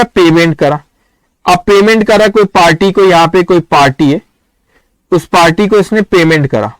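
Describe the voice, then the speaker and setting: A man's voice: sits high, no room sound. A man teaching accounting in a live online lecture, asking students questions and answering them himself.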